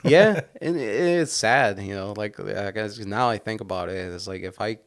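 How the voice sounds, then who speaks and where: A man's voice: on the low side, normal speed. A young man, hosting a podcast and telling rambling stories in casual chat. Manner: rambling storyteller, many restarts. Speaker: podcast host.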